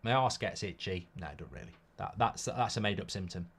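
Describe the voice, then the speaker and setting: Hosting a live football watchalong, this British man talks in a slightly croaky, bunged-up voice, trading casual commentary for blunt, jokey answers to the chat. His pitch sits low, and he sounds animated, fairly quick, and fairly bright.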